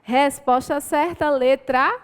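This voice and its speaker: A woman's voice: high-pitched, steady tone, slow, in a large hall. A Brazilian woman teacher going through exam answers, explaining patiently and encouraging her students, often checking in with tag questions.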